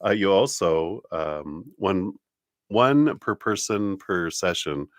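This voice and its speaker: A tarot reader hosting a live stream, this man has a low voice made congested and nasal by a stuffy nose. He speaks slowly to his viewers with lively intonation, gently and warmly, wandering from point to point with many ums and uhs. The recording is dry and close, with no room sound.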